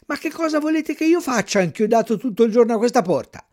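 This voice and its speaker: A man's voice: extremely high pitch, animated, fast talker, darkish tone, pitched above the performer's own voice. A man doing an impatient wooden puppet boy. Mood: pleading. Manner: whiny, urgent pleading.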